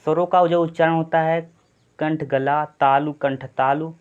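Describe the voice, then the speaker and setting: A man leads a Hindi grammar lesson for exam candidates, his voice sitting a touch higher than most men's. He works through each point patiently and repeats it. The sound is a little muffled and lo-fi. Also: fairly even intonation, measured pace, clean tone. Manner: explanatory, repetitive, frequent "thik hai" check-ins. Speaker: teacher. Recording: slightly dull lo-fi sound.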